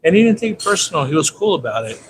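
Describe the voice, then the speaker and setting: Rapid-fire and very animated, his voice sits a little high. He's a Californian livestream host in his fifties from San Diego, spinning loose, slangy, repetitive stories amid clearly noisy surroundings.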